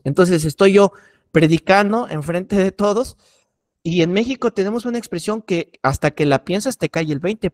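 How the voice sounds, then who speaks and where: Middle-aged man, pastor teaching a sermon workshop, fairly high voice, repeats warnings. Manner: earnest, repeats key warnings for emphasis. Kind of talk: preaching workshop lecture.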